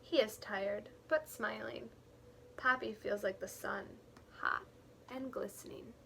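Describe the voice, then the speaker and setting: Like a teacher with young children, a woman reads a picture book aloud, slow and expressive, pausing for simple explanations. Her medium-pitched voice is somewhat bright with a touch of creak, and the audio is poor, with faint noise behind her.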